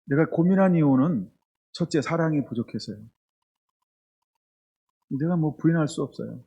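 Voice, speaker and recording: Male pastor, sermon; husky, lively rising-and-falling delivery, frank and confessional. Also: fairly high pitch, moderate pace, muffled recording. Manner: candid, confessional storytelling. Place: church.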